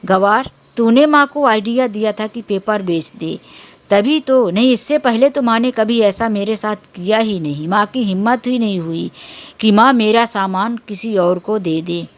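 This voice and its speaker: A woman voicing an angry young husband who shouts insults at his wife in a spoken Hindi story. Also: mid-range voice, measured pace, natural voice. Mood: furious.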